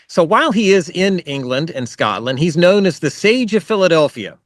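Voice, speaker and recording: A man's voice: fairly high pitch, a bit bright, no echo, clean studio sound. A man giving an online history lecture in a conversational way, with fillers and friendly asides. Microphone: video call.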